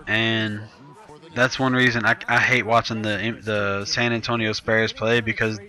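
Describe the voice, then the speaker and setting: Bright-voiced young guy commentating gameplay. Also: lowish voice, low-quality recording. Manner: loose, rambling, self-correcting chat. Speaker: gaming YouTuber.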